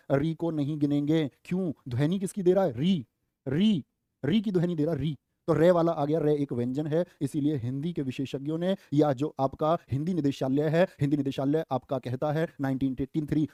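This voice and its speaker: High-voiced Hindi exam-prep teacher, lively. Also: male voice, dry recording, clean studio sound. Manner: lively, questions students and answers himself; playful asides and jokes.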